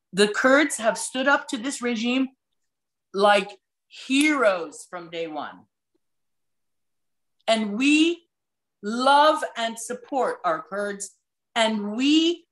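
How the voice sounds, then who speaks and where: A woman from Iran with a high-pitched voice argues her case with force, pressing on over interruptions. She talks as a guest on a panel over a call. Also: a bit bright. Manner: emphatic, passionate, quick to interrupt. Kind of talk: panel discussion.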